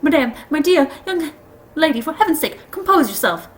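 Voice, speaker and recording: A woman voicing a fussy, cowardly old uncle who wails in a trembling, high voice. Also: very animated, moderate pace, far from the mic, slight background noise. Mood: pleading. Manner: wailing, shaky and high.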